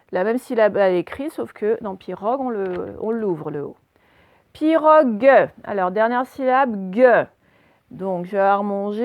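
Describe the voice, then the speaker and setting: A woman primary school teacher gives young pupils a spelling dictation, carefully sounding out each letter and syllable. Her mid-range voice is creaky, with no echo and the highs cut off.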